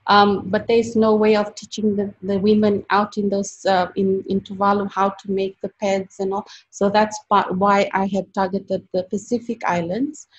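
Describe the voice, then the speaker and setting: A woman's voice: medium pitch, level tone, normal speed, hardly any pauses. A woman founder answering judges' questions, hesitant with many fillers. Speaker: startup founder pitching. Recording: dull lo-fi sound.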